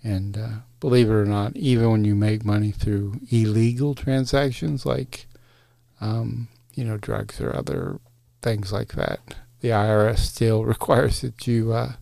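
Gravelly-voiced man hosting a podcast. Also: lowish voice, steady tone, unhurried, dark tone, no room sound. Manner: casual, many fillers and restarts. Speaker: podcast host. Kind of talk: solo podcast talk.

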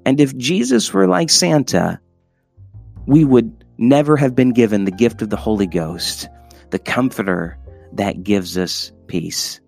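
A man's voice: mid-range voice, unhurried, creaky, darkish tone, faint music behind. A young man hosting a podcast at home, talking in an earnest, emphatic, preacherly way. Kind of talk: casual sermon-style podcast talk. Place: home, by the Christmas lights.

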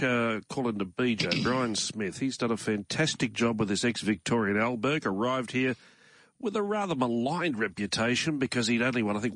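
A man with an Australian accent hosting a morning racing talk show from a studio in a measured, conversational way. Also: mid-range voice, fairly bright tone, no echo. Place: radio studio.

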